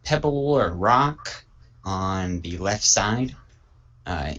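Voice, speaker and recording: A man running a tabletop game as game master, talking in halting bursts full of ums and restarts. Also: low-pitched, expressive, fairly bright tone, muffled recording, a little hiss or hum.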